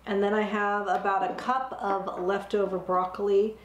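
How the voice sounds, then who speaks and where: Recorded with lo-fi sound in a spacious indoor kitchen with faint room noise, a middle-aged cooking channel host talks viewers through a recipe step by step. She has a cold that makes her slightly hoarse; her mid-range voice is flat at a moderate pace, though her instructions stay friendly and chatty.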